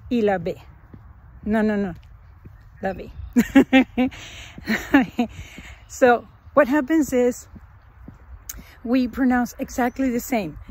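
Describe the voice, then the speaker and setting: A woman's voice: a little high, a little mellow. A woman teaching a casual language lesson outdoors in a cheerful, chatty way. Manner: cheerful and chatty, laughs while explaining. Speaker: Spanish teacher.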